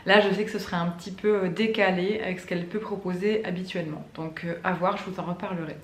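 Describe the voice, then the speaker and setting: A woman's voice: fairly low pitch, fairly even intonation, fast talker. Woman book vlogger, casual chatty delivery full of fillers, recorded in an echoey room. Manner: chatty, many fillers and restarts. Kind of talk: casual chat to camera. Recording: echoey room with faint ambient noise.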